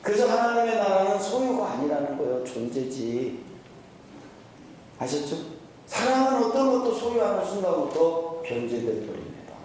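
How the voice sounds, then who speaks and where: A male pastor with a fairly high voice preaches in a big hall, caught from a distance by the mic. He is playful and keeps calling questions out to the congregation. Faint noise and long reverb hang behind him. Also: big pitch swings, normal speed, darkish tone. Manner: playful, often quizzes the congregation. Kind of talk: sermon at a conference. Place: large church hall. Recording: echoey hall from far off.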